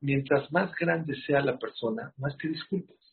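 A man's voice: medium pitch, a little slow, slightly rough. Emphatic man preaching, lo-fi sound. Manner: rhetorical questions, animated and emphatic. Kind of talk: sermon. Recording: muffled lo-fi sound.

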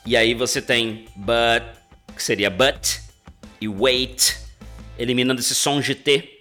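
A Brazilian man in his thirties with a Brazilian Portuguese accent, hosting a chatty podcast pronunciation lesson and slowing down to model English phrases. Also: medium pitch, fairly even intonation, sharp tone. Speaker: English teacher, podcast host. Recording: faint guitar music behind the voice.

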